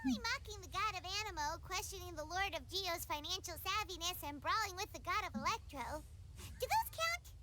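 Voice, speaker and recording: A woman voicing a tiny, childlike fairy companion in a video game, earnest, excitable and squeaky. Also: a little fast, noisy background. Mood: surprised, indignant. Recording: loud music behind the voice.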